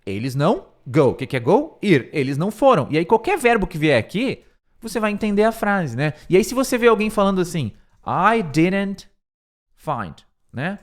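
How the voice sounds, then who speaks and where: Brazilian guy teaching english, kinda high voice, bouncy, drills words slow and over again. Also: big pitch swings. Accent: Brazilian Portuguese. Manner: explains step by step, repeats words slowly to drill pronunciation. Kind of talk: informal online lesson. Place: room with a window, at home. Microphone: close microphone.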